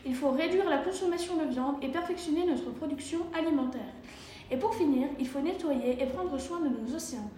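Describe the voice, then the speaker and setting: A woman's voice: high-pitched, brisk, warm tone, slight background noise. A woman reading a scripted dialogue aloud, taking both the patient's and the doctor's parts. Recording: very echoey room with faint ambience.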